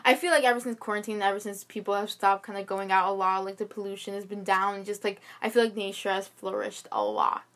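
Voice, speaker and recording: A woman's voice: mid-range voice, expressive, quick pace, hardly any pauses, a bit bright. A young woman chatting casually, rambling with lots of fillers and restarts as she co-hosts. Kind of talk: casual chat.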